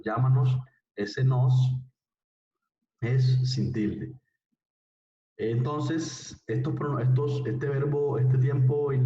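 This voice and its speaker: A man teaching a language class, patiently repeating phrases and often checking that his students follow. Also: mid-range voice. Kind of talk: classroom lesson. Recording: distant, roomy, dull sound.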